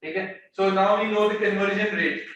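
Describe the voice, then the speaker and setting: The audio is dull, echoing heavily in the room, with a distant mic and faint background noise. The man lecturing on economics has a high, steady, fairly bright voice and talks a little fast. He goes step by step, mixing English and Hindi-Urdu and often repeating words as he reaches for the next.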